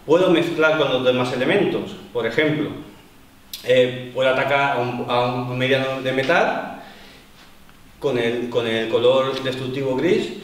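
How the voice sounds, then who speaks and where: A man teaches a martial arts class, explaining patiently and breaking off mid-phrase to restart. His voice is recorded a distance in a strongly reverberant room. His pitch sits in the middle range. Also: unhurried. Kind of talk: online seminar lecture. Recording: very echoey room, distant mic.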